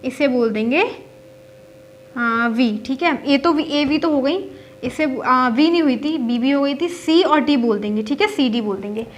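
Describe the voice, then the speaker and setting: Young female maths tutor, high voice, patient and repetitive, questions and answers herself. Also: unhurried, slight background noise. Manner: repeats "theek hai" to check in, asks and answers her own questions. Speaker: maths teacher. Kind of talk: step-by-step maths lesson.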